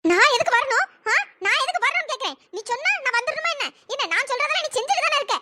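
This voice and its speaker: A stubborn, scheming cartoon mother, voiced by an actor, pleading and threatening in a melodramatic way. Her pitch-raised voice sits extremely high and sounds bright and piercing. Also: animated, quick pace, dry recording, studio quality, exaggerated voice. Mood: defiant. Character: stubborn scheming mother, middle-aged woman. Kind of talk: cartoon drama dialogue.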